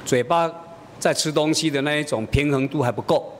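A middle-aged male pastor, his voice sitting a little high for a man, tells a homely family story from the pulpit and acts out the voices as he goes. Long reverb from the church hall trails behind him, over a faint low rumble. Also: a little fast. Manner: homely storytelling, acting out dialogue. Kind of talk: sermon illustrated with a family story.

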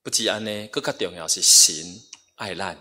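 A man preaching a sermon in a church hall, pausing for an interpreter and rising to emphatic peaks. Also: sits low, pushed and bright.

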